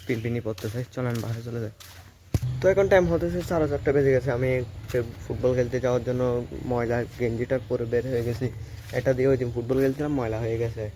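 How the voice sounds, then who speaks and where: A man's voice: mid-range voice, fast, poor audio. Young man vlogging outdoors, chatty. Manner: chatty, keeps asking the viewer "understand?"; drops to a hushed voice when people pass. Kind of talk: casual handheld vlog narration. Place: outdoors in a rainy rural village. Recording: outdoor phone audio with clear ambient noise.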